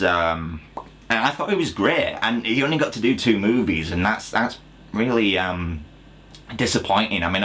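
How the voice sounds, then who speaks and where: A young man chatting casually to camera at home, answering questions from viewers. His voice is low and deep. He rambles, restarts often and makes fun of himself. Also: fairly bright tone. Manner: rambling, full of fillers and restarts, self-deprecating. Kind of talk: casual chat. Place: indoors at home.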